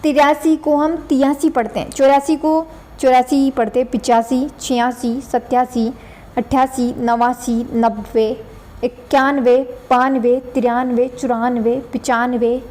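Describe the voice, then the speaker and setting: A woman's voice: high-pitched, steady tone, unhurried, a little mellow. Rajasthani-accented woman teaching, chatty. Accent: Rajasthani Hindi (Dhundhari). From Dhundhar region, Rajasthan. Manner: chatty, repeats words, tag questions. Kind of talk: online exam-prep lesson.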